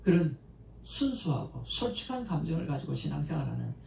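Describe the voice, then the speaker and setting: A man, a pastor, giving a conversational Sunday sermon in a church, mixing stories with animated pleas to God. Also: a little high, a little fast, gravelly. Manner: conversational, anecdotal preaching with animated emotional quotes. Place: church sanctuary. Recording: echoey church room, mic at a distance, faint background noise.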